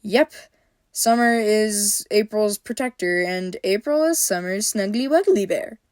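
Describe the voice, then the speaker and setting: A woman's voice: a little high, big pitch swings, unhurried, dry recording, clean studio sound, voice pushed up. A woman voicing a cheerful, teasing young woman in a story she reads aloud. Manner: bright and teasing.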